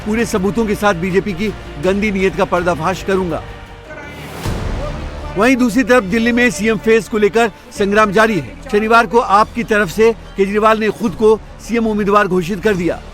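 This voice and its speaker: High-pitched male news narrator over music. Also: moderate pace, fairly bright tone.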